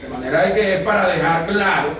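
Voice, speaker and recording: Slightly higher-voiced man in an echoey room. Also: a little fast, a bit bright. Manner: adds remarks and agrees briefly. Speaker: study partner. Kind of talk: casual discussion. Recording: echoey room, mic far off, faint noise.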